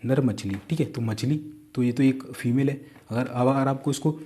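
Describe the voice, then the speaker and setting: A man's voice: medium pitch, fairly even intonation, moderate pace, dark tone. A man with an Indian accent teaching an online exam-prep grammar lesson, repeating points and quizzing the listener with casual asides. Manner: casual asides while drawing on a board.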